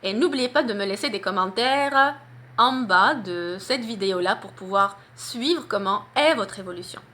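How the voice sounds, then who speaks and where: A woman's voice: medium pitch, bright, forceful tone. A woman teaching public speaking in a video lesson, talking emphatically and articulating each word with care. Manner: emphatic, deliberate articulation with demonstrations.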